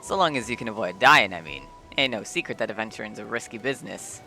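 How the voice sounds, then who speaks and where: A folksy old ship merchant, nosy and full of dialect, as a man puts him on. The voice is bright and forceful, with pitch that jumps up and down. Faint game music plays behind him. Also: lively intonation, fast, full character voice. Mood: curious. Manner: gruff and rambling, drops dialect words.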